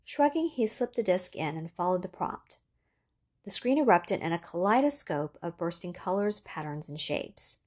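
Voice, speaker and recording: A woman narrating an audiobook story in a steady, measured reading voice. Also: on the low side. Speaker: story reader.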